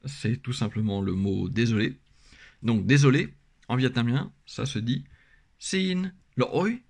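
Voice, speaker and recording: A man with a French accent teaching pronunciation, slowly and patiently repeating and modeling each word. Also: medium pitch, gravelly, a little mellow. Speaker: language teacher. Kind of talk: explaining pronunciation lesson.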